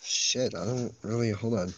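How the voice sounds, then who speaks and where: A man's voice: lowish voice, normal speed, background noise. A young man co-hosting a casual podcast, swearing freely and laughing often. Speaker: podcast co-host. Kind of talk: casual chat.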